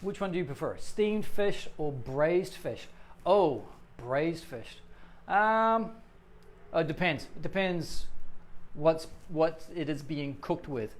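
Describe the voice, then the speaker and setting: A man's voice: fairly high pitch, lively intonation, slow pace. A middle-aged man teaching English on a live stream, chatting playfully with viewers and joking as he explains.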